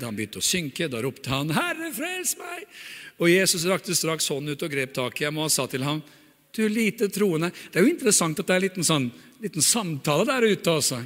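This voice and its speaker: A man preaching a sermon, animated and chatty, often asking the congregation "right?". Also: on the high side, big-room sound. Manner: animated, acts out the dialogue he retells.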